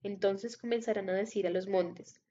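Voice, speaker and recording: A woman reading a Bible passage aloud in a steady, measured way. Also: medium pitch, a little hiss or hum. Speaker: scripture reader. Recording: dull lo-fi recording.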